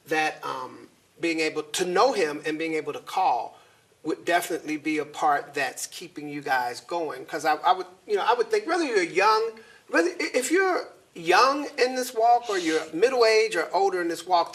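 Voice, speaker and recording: A man with a high voice hosts a faith talk show. His tone is bright and ringing. He talks in an animated, preacherly, encouraging way. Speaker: host.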